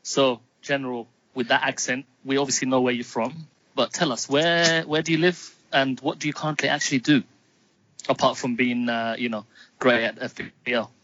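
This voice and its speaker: A man's voice: medium pitch, moderate pace, a bit bright, a little hiss or hum. Male co-host on slightly dull audio. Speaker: podcast co-host. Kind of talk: casual interview.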